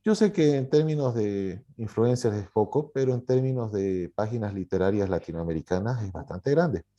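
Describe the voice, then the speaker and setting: A man's voice: lowish voice, normal speed, dark tone, dull audio. A man from Bolivia, a publisher and writer answering in an interview, telling his story with many fillers and self-corrections.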